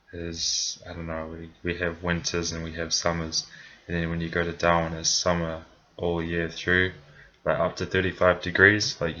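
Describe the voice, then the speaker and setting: A man's voice: deep voice, pushed and bright, muffled recording. A young man from New Zealand with a New Zealand accent, casually telling his own story in a vlog, rambling with many fillers and self-corrections.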